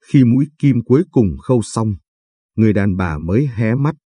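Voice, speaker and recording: A man narrating a story aloud in a steady, even way. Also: fairly low pitch, moderate pace, breathy edge, dry recording. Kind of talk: audiobook story reading.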